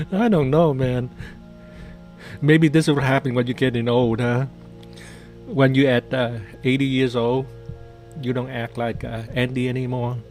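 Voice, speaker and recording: A day trader hosting a live trading stream gives casual, chatty and jokey commentary, often repeating his phrases. His mid-range voice has a darkish tone and flat delivery at a measured pace with long pauses. Soft music plays in the background.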